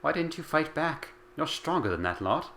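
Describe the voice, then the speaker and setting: A man voicing a small, fierce, vulgar old grandmother with a thick, rough voice. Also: on the high side, very animated, moderate pace, fairly bright tone, slight background noise, voice pushed up. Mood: stern, tender.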